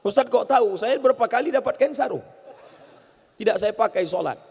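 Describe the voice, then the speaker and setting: A man's voice: very high voice, fairly quick, vocal fry, darkish tone, husky. A man preaching a humorous sermon, telling stories and acting out voices and sounds. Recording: reverberant hall.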